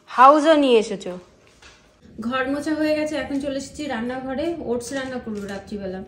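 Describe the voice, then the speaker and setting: A woman from India speaks in a slightly high voice. She narrates a casual vlog from her family home and talks like a mother. She chats with viewers and keeps pointing things out to them. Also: normal speed, fairly bright tone, a little hiss or hum. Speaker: vlogger and mother.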